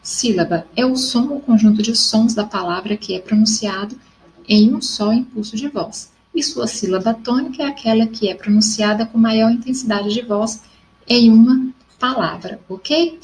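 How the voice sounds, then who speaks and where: A woman's voice: fairly high pitch, moderate pace, a little mellow, a little hiss or hum, poor audio. A woman from Brazil teaching a recorded grammar lesson, explaining step by step and often checking in with her students.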